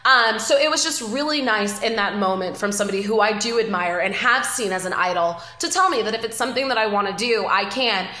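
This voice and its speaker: A young woman, a guest on an interview show, telling emotional stories in a lively, animated way and acting out what people said. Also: mid-range voice, fairly quick, hardly any pauses, reverberant. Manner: emotional, animated storyteller, acts out quotes. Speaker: guest, former reality show contestant. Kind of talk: casual interview chat.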